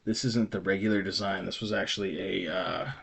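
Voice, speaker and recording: A man's voice: deep voice, fairly even intonation, a little fast, gravelly, a bit bright, breathy edge. A man hosting a podcast, talking in a loose, rambling way and correcting himself often. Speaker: podcast host and author. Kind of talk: casual podcast monologue.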